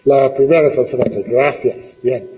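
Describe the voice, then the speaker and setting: A man's voice: medium pitch, fairly even intonation, measured pace, dark tone, in a large hall, lo-fi sound, slight background noise. A middle-aged man teaching a classroom lesson, patiently asking questions and repeating the students' answers.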